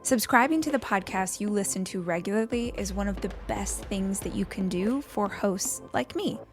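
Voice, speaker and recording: A woman's voice: medium pitch, normal speed, over music. A woman in her forties hosting her own podcast, talking in a chatty, enthusiastic, bubbly way to her listeners. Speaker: podcast host. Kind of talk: casual solo podcast talk.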